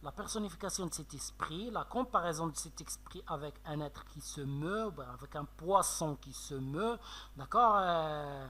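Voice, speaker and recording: A man teaching a French literature lesson with a Moroccan French accent, explaining slowly with many fillers and checks of "d'accord?". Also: on the high side, animated, bright, forceful tone. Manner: slow, explanatory, frequent "euh" and "d'accord?". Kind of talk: classroom lecture on poetry analysis.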